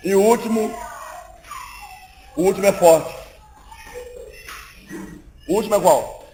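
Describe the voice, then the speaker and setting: High-voiced man preaching. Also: slow pace, soft background music, poor audio. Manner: lively, conversational preaching that acts out little dialogues. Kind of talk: sermon. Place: church meeting, indoors.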